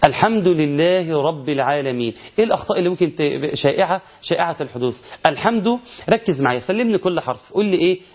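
A man with an Egyptian accent teaching Quran recitation, explaining common mistakes and chanting the verses slowly to show them. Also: sits high, expressive, breathy edge. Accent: Egyptian Arabic. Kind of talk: recitation lesson. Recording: dull lo-fi recording.

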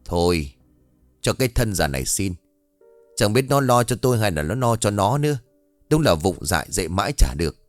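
A man voicing a bossy, spiteful old mother-in-law who shouts and hisses insults at her daughter-in-law. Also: on the low side, very animated, a little fast, no echo, soft background music. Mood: scolding. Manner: harsh, shouting, hissing insults.

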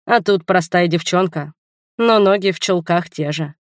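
A woman voicing a drowsy, teasing young male spy in an audiobook, speaking low-key and unhurried. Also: no echo, clean studio sound, close to an everyday voice.

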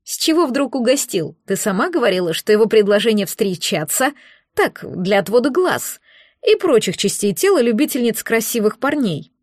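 A woman's voice: a little high, sing-song, normal speed, dry recording, studio quality. A woman voicing a cautious, skeptical young female student friend. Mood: wary.

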